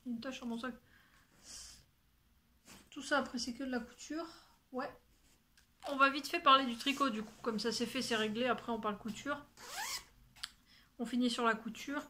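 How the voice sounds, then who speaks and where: Bright-voiced chatty woman crafter. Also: a little high, fairly even intonation, normal speed, pauses often, slight background noise. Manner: chatty, rambling, swears casually. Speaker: sewing and knitting vlogger. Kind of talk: casual chat to camera.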